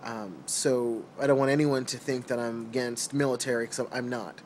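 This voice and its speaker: A young man from New York City giving his earnest, halting opinions in a casual vlog, recorded on a phone held close while lying on a couch at home. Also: medium pitch, fairly even intonation, slight background noise. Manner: earnest, hesitant with many ums and restarts. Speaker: vlogger. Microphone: phone camera held close.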